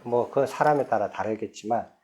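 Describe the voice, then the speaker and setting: Buddhist monk giving a chatty sutra lecture. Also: male voice, mid-range voice, moderate pace, darkish tone, slight background noise. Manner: conversational, asks the audience rhetorical questions; reads scripture passages aloud, then explains them in plain speech.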